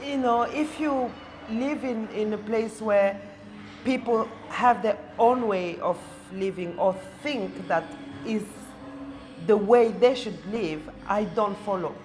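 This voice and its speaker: Interview guest, woman, unhurried and thoughtful, mid-pitched voice. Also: a little mellow, a little hiss or hum. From Congo. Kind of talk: casual interview. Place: coffee shop.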